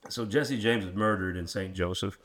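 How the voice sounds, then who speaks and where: A lower-pitched man with a rural drawl hosts a history chat. He is folksy and quick to poke fun at himself, talking casually as he asks questions. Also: fairly bright tone. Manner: folksy, self-deprecating. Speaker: interviewer and host. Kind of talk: casual local history interview.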